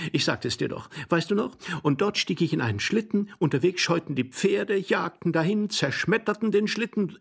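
Flighty young lady, sugary and breathless, up high in the voice, a little gravelly, as a male reader puts her on. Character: flighty quick-witted young married woman.

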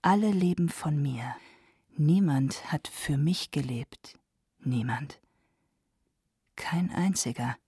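A lonely, world-weary star dancer murmurs low and breathy. Her tone is dark and mellow, and she lets each line drag slowly. The recording is dry and close. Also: no echo, heavily acted. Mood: lonely, bitter. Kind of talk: radio play acting.

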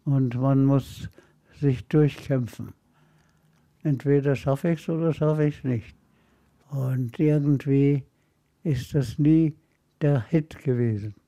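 A man in his nineties, a former film dialogue coach, talks in a slow, reflective way in a radio interview. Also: medium pitch, fairly even intonation, mellow. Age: 90s. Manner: slow, unhurried, reflective storytelling.

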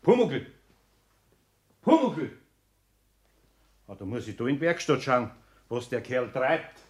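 An actor playing an older master carpenter with a Bavarian accent, grumbling and questioning in a radio play. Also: male voice, mid-range voice, moderate pace, fairly bright tone, lightly acted. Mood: suspicious. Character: gruff older master carpenter, patient but suspicious.

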